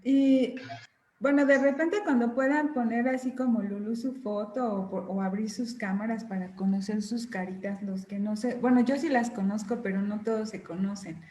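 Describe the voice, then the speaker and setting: A woman leads an online class from an echoey room, her voice sitting a bit higher than most. She talks casually over a video call, encouraging each participant as she calls on them. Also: moderate pace, mellow, slight background noise. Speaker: class host.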